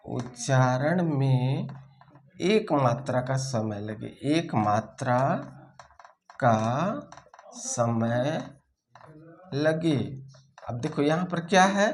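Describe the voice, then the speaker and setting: A man teaching a lesson, slowly dictating notes, repeating phrases and checking in with his students. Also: mid-range voice, slight background noise. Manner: slow and deliberate, repeats phrases for dictation, ends points with "theek hai". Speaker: Sanskrit teacher.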